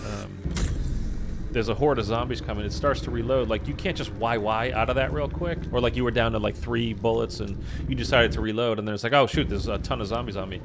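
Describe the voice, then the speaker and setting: A man's voice: mid-range voice, steady tone, fairly quick. A man giving rambling, offhand gameplay commentary as a casual streamer. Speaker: gaming streamer. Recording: clear background noise from game.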